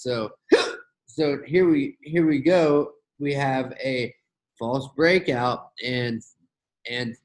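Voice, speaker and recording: A man hosting a trading channel, talking fast and loosely through a screen-share market rundown, with hiccups and gasps between phrases. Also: mid-range voice, low-quality recording. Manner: fast, rambling, with fillers and restarts. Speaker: forex trading channel host.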